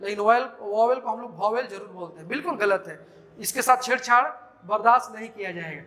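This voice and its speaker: A man with a Bihari Hindi accent teaching a grammar lesson in a classroom, dictating slowly and quizzing his students with questions as he goes. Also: high voice, pushed and bright.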